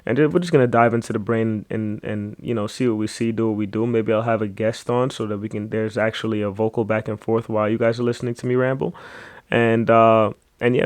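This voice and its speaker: A man's voice: lowish voice, a little mellow, clear, resonant tone, dry recording. A man hosting his own podcast, talking alone in a loose, rambling way with many fillers and asides. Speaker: podcast host. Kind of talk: casual solo podcast monologue.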